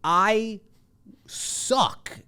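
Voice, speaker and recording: A man hosting a podcast, talking in an emphatic, jokey, animated way. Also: high-pitched, extremely slow, clear, resonant tone. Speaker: podcast host. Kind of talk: casual podcast conversation.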